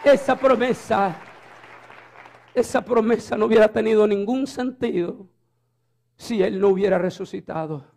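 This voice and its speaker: Very high-voiced preaching man. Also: measured pace, creaky, pauses often, a little mellow, a faint crowd, slight background noise. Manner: fervent, repeats phrases for emphasis. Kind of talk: storytelling sermon.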